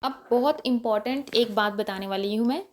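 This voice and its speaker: A young woman teaching English word stress, explaining in Hindi and slowly repeating each word to contrast its stress. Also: on the high side, darkish tone. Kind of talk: explanatory lesson.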